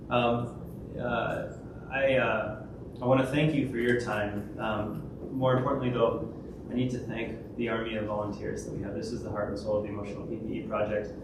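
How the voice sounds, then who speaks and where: A man with a fairly low, even voice gives a conference presentation in a large event hall and then fields questions, speaking at a moderate pace with few pauses. He sounds hesitant, full of fillers and false starts. The recording is noisy and echoey, captured from a distance.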